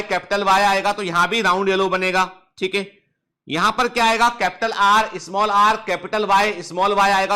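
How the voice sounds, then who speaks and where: High, bright-voiced male biology teacher. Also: clean tone. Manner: drills students with repeated questions, joking and scolding playfully. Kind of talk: online lecture. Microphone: touchscreen device close up.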